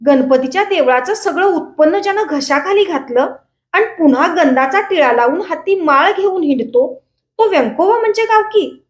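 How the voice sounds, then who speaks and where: A woman's voice: very high voice, animated, moderate pace, roomy sound, pitched above the performer's own voice. A woman reading aloud in the voice of a hot-tempered young village man who hurls defiant accusations. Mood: furious. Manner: defiant, loud accusing outbursts.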